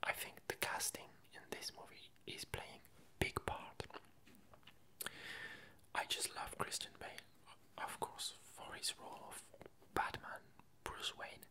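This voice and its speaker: An ASMR video creator, a woman, whispers through a casual chat in a breathy, halting way with long pauses. Her tone is bright and forceful.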